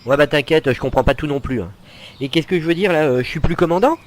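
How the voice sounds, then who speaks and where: A man's voice: a little high, fast, natural voice. An actor playing a confused teenager stuck in a grown man's life, baffled and exasperated.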